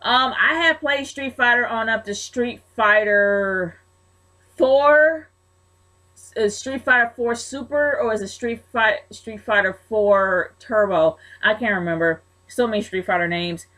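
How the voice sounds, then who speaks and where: Female vlogger, mid-range pitch, casual and outspoken; answers viewer questions head-on. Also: measured pace, hardly any pauses, sharp tone. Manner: frank and chatty, blunt opinions. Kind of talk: casual Q&A commentary.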